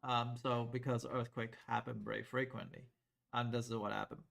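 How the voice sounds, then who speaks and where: A middle-aged man from Taiwan teaching a math class in a classroom, lively and asking the class questions. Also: mid-range voice, moderate pace, gravelly. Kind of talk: classroom lecture at a whiteboard.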